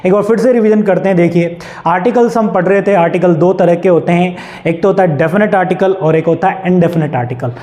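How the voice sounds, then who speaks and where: A young male teacher with a Hindi accent explains a grammar point in a high, mellow voice. He asks the class a question again and again, then answers it himself. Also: quick pace. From India. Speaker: English teacher.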